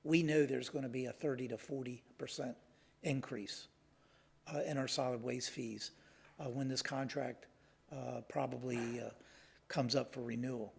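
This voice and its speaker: A male council member explains things at a public meeting. His voice is gravelly and rough-edged, and he speaks in a measured way with frequent hesitations. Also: mid-range voice, fairly even intonation.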